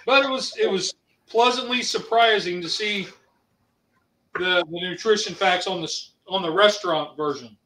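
This Ohio man has a high-pitched voice with a sharp tone and talks at a normal speed. Co-hosting a laid-back livestream, he reads viewer chat aloud and chats hesitantly, full of filler words. The sound is roomy, with the microphone placed far off.

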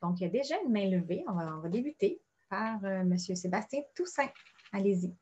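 A woman's voice: medium pitch, lively intonation, a little fast, warm tone, slightly rough. Woman hosting the q and a over a video call, kinda muffled lo-fi sound. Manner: polite, formal announcing. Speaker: seminar moderator. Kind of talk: moderating a webinar.

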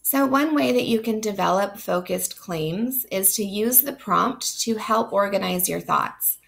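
Her voice is medium-pitched, unhurried and a bit bright, though illness has left it gravelly and strained as she loses it. The woman, a literature instructor, keeps explaining steadily through her recorded online lecture, saying um often.

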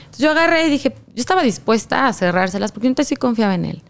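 A young woman with a Mexican Spanish accent tells a personal story over a casual chat, her voice higher-pitched and smooth. She talks in slang and acts out the quoted lines in a lively way. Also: fast.

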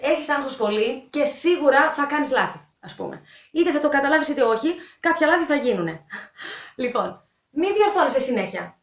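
A woman's voice: sits high, roomy sound. A woman from Greece, an English teacher hosting a casual video lesson, talking straight to her viewers in a chatty, direct way. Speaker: English teacher and channel host.

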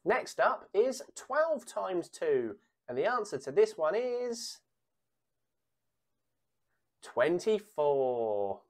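In a low, sing-song voice, a woman calls out sums and answers for a children's times tables bingo game. She goes really slowly, measured throughout, pausing before each answer and repeating the digits.

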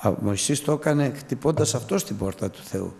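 Gravelly fervent male preacher in a hall. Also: mid-range voice, animated, a little mellow. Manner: fervent, repeats phrases, addresses listeners as brothers. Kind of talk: sermon.

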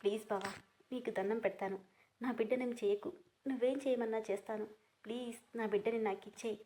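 Lady doing a crying young mom begging for her kid, voice up high, storybook read. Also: fairly even intonation, a little fast, warm tone, natural voice, poor audio. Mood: pleading. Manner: sobbing, pleading. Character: desperate young mother pleading for her child.

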